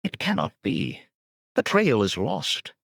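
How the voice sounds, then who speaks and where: A man's voice: mid-range voice, wildly swooping pitch, creaky, fairly bright tone, slightly rough, no echo, clean studio sound, pitched above the performer's own voice, exaggerated voice. A man voicing a nervous, shifty male bandit tracker who talks defensively and in a rush. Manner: defensive, hurried.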